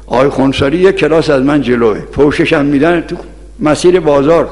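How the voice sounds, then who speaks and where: A man's voice: fairly high pitch, a little mellow. A man, a cleric, preaching an ethics lesson to seminary students, telling anecdotes and admonishing his listeners. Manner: admonishing, storytelling, quotes sayings of scholars. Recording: long hall reverb.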